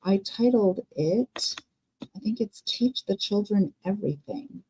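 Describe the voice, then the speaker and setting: A woman's voice: mid-range voice, lively intonation, a little slow, mellow, husky. A woman with a scratchy, froggy voice, as if with a frog in her throat, chatting casually and unscripted as host of a livestream.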